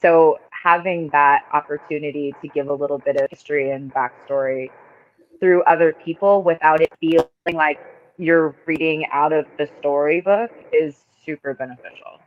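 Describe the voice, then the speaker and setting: A woman actress chatting as a guest on a livestream, speaking in a chatty, animated way over a video call. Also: low-pitched, normal speed. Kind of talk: casual livestream chat. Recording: tinny phone-like call audio.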